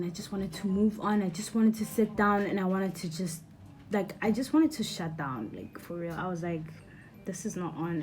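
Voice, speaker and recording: Animated woman telling a story. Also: mid-range voice. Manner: animated, rambling, repeats herself. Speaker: vlogger. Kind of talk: storytime vlog.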